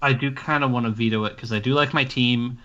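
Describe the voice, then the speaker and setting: Bright-voiced man chatting over a game. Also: medium pitch, fast, lo-fi sound. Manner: relaxed, thinks aloud with restarts. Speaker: podcast co-host playing a game on stream. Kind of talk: casual gaming chat.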